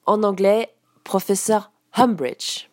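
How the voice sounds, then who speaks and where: A woman giving a casual spoken lesson as a teacher, explaining slowly with frequent hesitations. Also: medium pitch, dry recording, studio quality. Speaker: English teacher.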